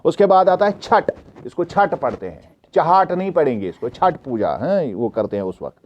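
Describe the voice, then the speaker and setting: A man from Kashmir, teaching a revision lesson, often checking if students follow and reading English questions out slowly. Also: mid-range voice, very animated, lo-fi sound.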